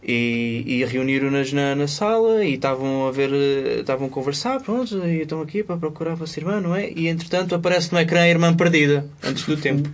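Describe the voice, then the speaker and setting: Portuguese male co-host, slightly high voice, rambling storyteller. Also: expressive, quick pace, hardly any pauses. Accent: European Portuguese. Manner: rambling anecdotes with fillers. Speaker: podcast co-host. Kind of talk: casual comedic storytelling.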